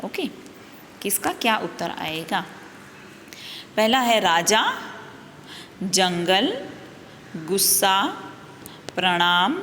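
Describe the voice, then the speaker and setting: A woman's voice: medium pitch, fairly bright tone, long reverb tail, a little hiss or hum. A woman teacher patiently explaining a worksheet to young children, asking questions and answering them herself, often checking in with "okay".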